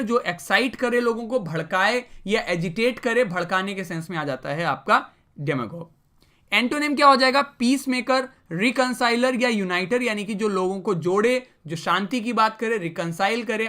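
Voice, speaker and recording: A woman's voice: mid-range voice, bright, forceful tone. A young woman teaching English vocabulary in a lesson, explaining each word and putting questions back to her students.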